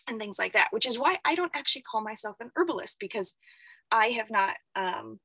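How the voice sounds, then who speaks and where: A woman talking live on a stream, rambling and reflective, thinking out loud with lots of filler words. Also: mid-range voice, no room sound, rough recording. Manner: reflective, self-examining. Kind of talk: unscripted live-stream talk.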